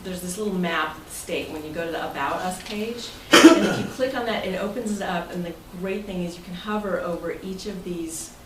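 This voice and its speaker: Crowd noise surrounds a woman talking fairly quickly with hardly any pauses in a lowish voice. She's the president of a club, giving members an informal, chatty presentation in an indoor meeting room. The mic is distant, so it sounds roomy and noisy.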